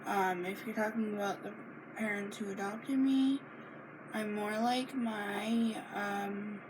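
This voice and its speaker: Young woman, casual sit-down Q and A, slow and halting delivery, audible background noise. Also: medium pitch, steady tone. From Maine, United States. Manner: halting, many fillers and restarts, reading questions aloud. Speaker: vlogger answering questions. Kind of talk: casual Q and A monologue. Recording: noisy home recording.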